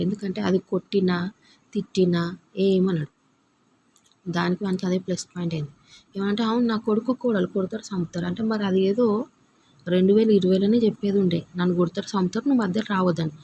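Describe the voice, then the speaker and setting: Agitated woman, gravelly and dark, for an emotional personal grievance. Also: medium pitch, dull audio, slight background noise. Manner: agitated, complaining, quoting others sharply. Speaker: daughter-in-law telling of a family dispute.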